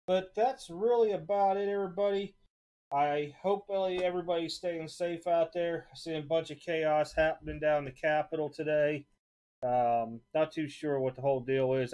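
A young adult man chats casually at a desk, voice sitting a bit high for a man. He reels off card names in loose, quick lists, offhand and unhurried between items, like a host previewing his own stock. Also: darkish tone. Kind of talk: casual live-stream chat. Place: indoor desk with card displays, off camera.

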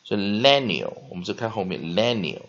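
Man, English teacher, husky, slow drawn-out word modeling, muffled lo-fi recording. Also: lowish voice, big pitch swings, fairly bright tone. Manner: frequent "ah" and "ha" fillers, slow drawn-out modeling of words. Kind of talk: spelling and pronunciation lesson. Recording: dull lo-fi recording.

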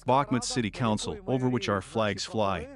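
A man narrating a documentary as a reporter, in a grave, measured and critical tone. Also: fairly low pitch, a crowd in the background.

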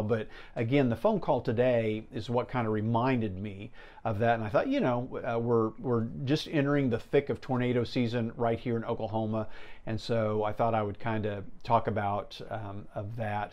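A man's voice: medium pitch, darkish tone. A middle-aged American man in his fifties chatting casually on a solo podcast, telling stories in a rambling, conversational way. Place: small indoor room with brick wall and shelves. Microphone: lapel mic.

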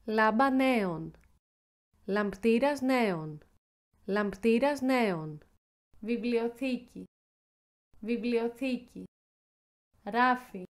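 A woman's voice: a little high, fairly bright tone. A woman with an Athens Greek accent reading a scripted vocabulary list, carefully pronouncing each word twice. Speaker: language teacher.

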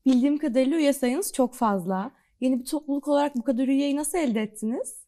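A woman's voice: high voice, fast talker, warm tone. A woman hosting the program, asking her guests polite, curious questions. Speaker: program host. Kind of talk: interview questions.

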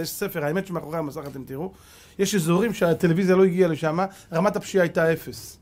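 A man in his fifties delivers a Torah sermon as a rabbi, firing rhetorical questions at his listeners. His voice is husky and sits a little high. He scolds and swings between hushed asides and emphatic lines. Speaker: rabbi giving a lecture.

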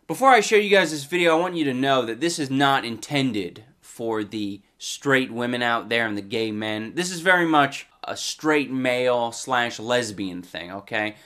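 A young man hosts a sarcastic comedy commentary video in a medium-pitched, sharp voice. He talks crudely and mockingly, sliding into goofy voices.

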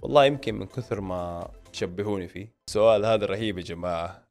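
His voice sits on the low side with a darkish tone, and he talks fast over soft background music. A Hejazi Saudi man in his late twenties who makes film and series videos, he reads viewer questions aloud and answers them in a casual, conversational Q&A, addressing viewers directly from a small home studio close to a stand microphone.

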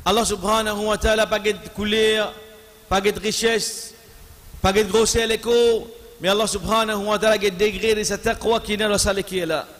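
A middle-aged man delivers a Friday sermon in with a lilt, his voice set unusually high for a man. He stretches key words slowly and weaves Arabic recitation into the talk. The sound rings with long reverb from a large mosque hall, picked up by a stand microphone. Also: little pitch movement, fairly bright tone. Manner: slow, drawn-out emphasis mixing Arabic recitation into French. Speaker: imam giving Friday sermon.

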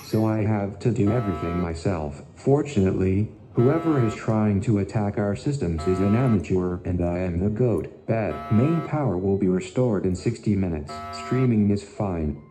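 A man plays a bossy male security AI in a cartoon, reading out alerts and roll calls in a low, steady announcer voice that keeps slipping into slang. Music plays under it. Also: moderate pace, few pauses, lightly acted. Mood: announcing. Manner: announcer-like, drops casual slang. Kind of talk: fan-animation voice acting.

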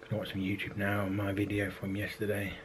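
Brisk and completely flat, the fairly low-pitched voice of a man in his thirties comes through background noise. As a vlogger, he rambles casually with lots of ums and hesitation toward a handheld camera at arm's length for his daily vlog. He goes from a park outdoors to a car and on to home.

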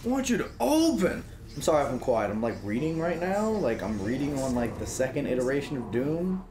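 A man's voice: medium pitch, big pitch swings, brisk. A young man giving casual co-op game commentary in a slangy, sweary, rambling way. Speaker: gaming commentator. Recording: echoey with faint game noise.

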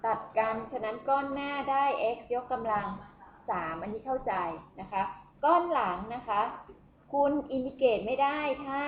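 A woman lecturing at a university on math, who keeps asking the class questions as she works through the steps. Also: on the high side. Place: lecture room. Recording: echoey room, tinny phone-like sound, faint noise.

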